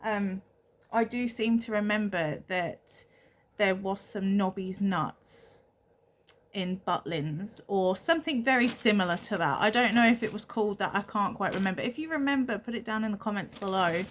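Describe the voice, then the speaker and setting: A woman's voice: mid-range voice, moderate pace, slight background noise. Chatty young woman rambling through a shopping haul. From England. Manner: chatty, rambling, self-deprecating, giggly. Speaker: vlogger. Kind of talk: casual haul vlog.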